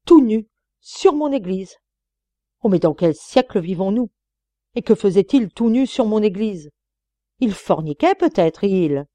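A woman's voice: on the low side, expressive, moderate pace, pauses often, warm tone, dry recording, natural voice. A woman reading an audiobook and voicing a pompous elderly village priest who preaches to children and stammers when alarmed.

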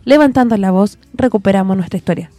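Chilean female radio host, casual, affectionate, mellow tone. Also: medium pitch, fast talker, no echo. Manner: giggly, chatty, affectionate. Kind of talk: casual community radio chat.

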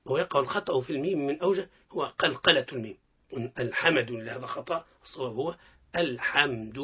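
A man with a Tunisian accent teaching Quran recitation on the radio. He explains step by step and models sounds slowly for listeners to repeat. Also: fairly high pitch, fairly bright tone, slightly rough. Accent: Tunisian Arabic. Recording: dull lo-fi radio recording.

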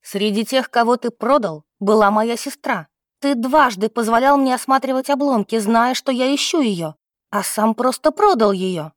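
A woman's voice: a little high, moderate pace, dry recording, clean studio sound, natural voice. A woman voicing a furious young heroine. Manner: angry and demanding, hissing through teeth. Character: furious young woman searching for her sister.

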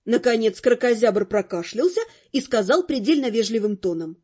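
A woman narrating an audiobook in the first person, lively and expressive, over faint music on a dull lo-fi recording. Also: fairly high pitch, normal speed, breathy edge.

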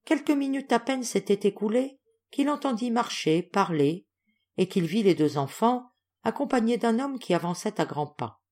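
A woman narrating a classic novel audiobook in a measured, clear storytelling manner. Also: on the high side, lively intonation, darkish tone. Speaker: audiobook reader.

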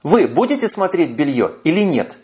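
A man's voice: fairly high pitch, big pitch swings, moderate pace, darkish tone, pitched above the performer's own voice. Man putting on a scornful young brunette. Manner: mocking, cutting. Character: sharp-tongued young brunette woman, scornful. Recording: muffled lo-fi audio.

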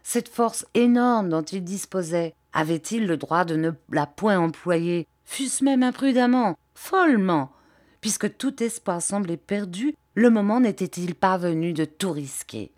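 A woman reading a novel aloud in a measured, expressive narration. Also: medium pitch, dry recording, clean studio sound. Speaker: audiobook reader. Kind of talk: scripted narration.

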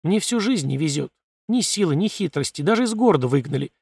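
A man doing a whiny little scavenger, gravelly. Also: a little high, lively intonation, brisk, a little mellow, no room sound, full character voice. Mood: grumbling. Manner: grumbling, sullen, pleading. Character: whiny, suspicious little male desert scavenger.

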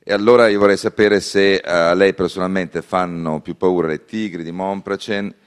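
Deep-voiced male radio interviewer, conversational, with hesitant fillers. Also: fairly even intonation, moderate pace, clean tone.

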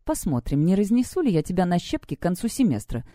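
A woman's voice: lowish voice, sing-song, fast talker, mellow, no echo, studio quality. A woman voicing a stern, vindictive female teacher with a sarcastic, growled threat. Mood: menacing.

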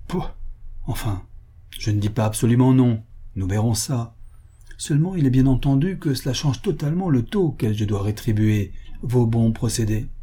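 A man's voice: medium pitch, expressive, normal speed, warm tone, husky. A man reading an audiobook voices a grasping upstart financier who slips into a working-class Parisian twang. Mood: grumbling. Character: pale upstart financier, grasping, blustering then fawning.

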